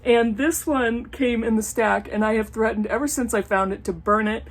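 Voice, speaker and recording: A middle-aged woman chatting casually about books, animated and sarcastic, breaking into laughter. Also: on the high side, moderate pace. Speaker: book vlogger. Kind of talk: casual book review chat.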